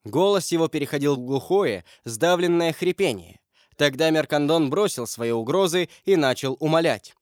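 A man narrating a historical novel audiobook in a measured, dramatic way. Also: fairly high pitch, animated, darkish tone, no echo, clean studio sound.

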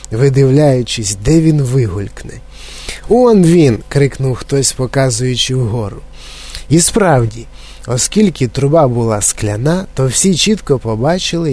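Mellow male storybook narrator. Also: mid-range voice. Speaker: audiobook narrator.

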